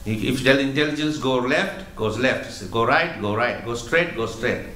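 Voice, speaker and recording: A man delivers a spiritual lecture with a medium pitch and a measured, explanatory manner, circling back on his own words. The sound is roomy, with noticeable echo around the voice. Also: bright, forceful tone, a little hiss or hum. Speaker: spiritual teacher. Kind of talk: religious lecture.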